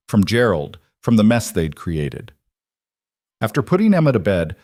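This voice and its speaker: A man reading a scripted story as narrator in a measured, even way. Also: fairly low pitch, dry recording, clean studio sound.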